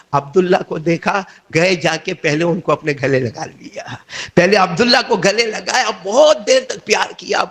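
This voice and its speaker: A man's voice: fairly high pitch, a bit bright. A male preacher telling a story in a sermon, acting out the dialogue dramatically and calling out to his listeners.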